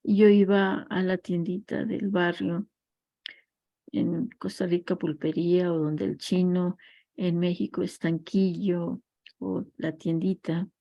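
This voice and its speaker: A woman's voice: lowish voice, level tone, takes it slowly, no room sound, dull audio. A woman teaching a class on family constellations, speaking reflectively and weaving in parables and personal stories. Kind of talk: recorded class lecture.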